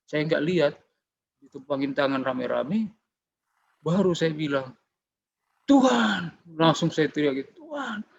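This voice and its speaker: A middle-aged man recounts his personal faith testimony in an easy conversational way, slipping into the voices of the people in his story. His voice sits a little high for a man. The recording is slightly dull and muffled, with faint noise behind it. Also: normal speed, creaky, long pauses. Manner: conversational storytelling, acts out dialogue. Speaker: testimony giver.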